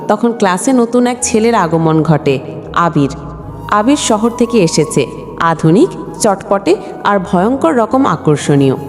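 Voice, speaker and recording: Over a music bed with long hall reverb, a woman with a medium-pitched, darkish voice acts as a storyteller. She delivers a scripted emotional story in a dramatic, sentimental way.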